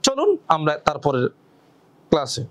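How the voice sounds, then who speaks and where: High-voiced male Quran reading teacher. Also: very animated, a bit bright. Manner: explains step by step, asks and answers his own questions; draws out recited Arabic words slowly. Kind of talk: patient classroom lesson.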